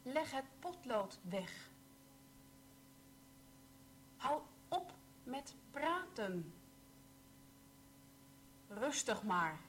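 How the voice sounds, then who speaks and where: Female drill reader: very slow, even, careful delivery, slightly high. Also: slight background noise. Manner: slow, evenly pronounced sentences. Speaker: language teacher reading examples. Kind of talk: slow read-aloud language drill.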